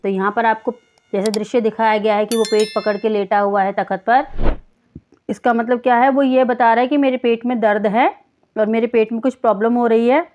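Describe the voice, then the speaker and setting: A woman's voice: fairly high pitch, fairly even intonation, fairly quick, darkish tone, slight background noise. A woman teacher patiently explaining a school text to children, stopping to define words. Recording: dull lo-fi recording.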